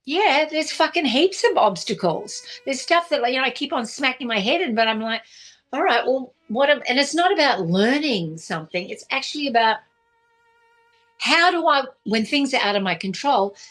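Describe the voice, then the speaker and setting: A woman talks straight to her viewers, telling a story from her day. She rambles, starts over often and fills her pauses, and a little music plays faintly behind her. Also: high voice, expressive, a bit bright. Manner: rambling, with many restarts and fillers. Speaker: vlogger. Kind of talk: casual storytelling monologue.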